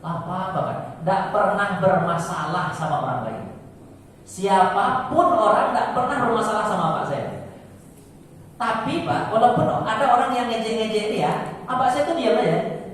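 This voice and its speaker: A high-pitched male preacher tells stories to his congregation, turning to them as "sir" again and again. His voice rings through a large reverberant hall, picked up from a distance with faint room noise. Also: lively intonation, normal speed. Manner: storytelling, addressing listeners as "Pak" often, acting out voices. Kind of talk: short mosque sermon. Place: mosque hall.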